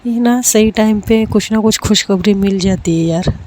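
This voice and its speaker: A playful young woman ribbing her friend, voiced by a woman storyteller. Her delivery is teasing, in a soft, mellow tone. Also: mid-range voice, normal speed, close to an everyday voice.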